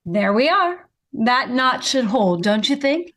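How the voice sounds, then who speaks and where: A woman acts out a sweet 1950s housewife from a radio comedy. Her voice is high and swoops melodically, and she takes her time over each line as she fusses cheerfully. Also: very animated, slow pace, a bit bright, heavily acted. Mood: sweetly busy. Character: Margaret, cheerful busy 1950s wife wrapping packages. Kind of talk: 1950s radio sitcom acting.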